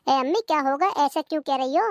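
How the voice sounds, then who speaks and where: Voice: high-pitched, slight background noise. A voice actor doing a scolding cartoon daughter. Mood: concerned. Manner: brisk, scolding and protective. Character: indignant grown daughter visiting her mother. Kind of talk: cartoon comedy voice acting.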